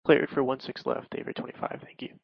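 A man with a gravelly, creaky voice speaking as a pilot in air traffic control radio calls. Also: quick pace, no echo, highs cut off.

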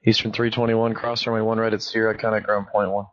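A man speaks as an air traffic controller in clipped radio phraseology. His voice is low and very even. The transmission is dull and band-limited. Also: fast. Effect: aviation radio transmission.

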